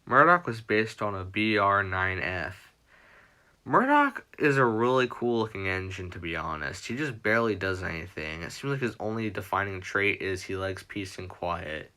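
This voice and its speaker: A man's voice: low voice, animated, moderate pace, sharp tone. A young man hosting a livestream in a casual, rambling way, correcting himself often as he chats. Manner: rambling, self-correcting, chatty fan talk. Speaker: livestream host.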